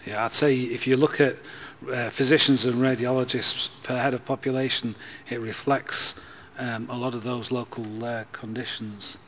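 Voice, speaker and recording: A man chairing a conference panel, soft-spoken and filler-heavy, as he closes the session. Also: medium pitch, level tone, moderate pace, few pauses, a little hiss or hum. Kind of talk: moderating a panel. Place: conference hall.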